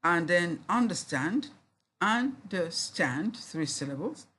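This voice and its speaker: Husky, deliberate university lecturer. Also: mid-range voice, animated. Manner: slow, deliberate, repeats each word to sound it out and spells out letters. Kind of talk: recorded lecture.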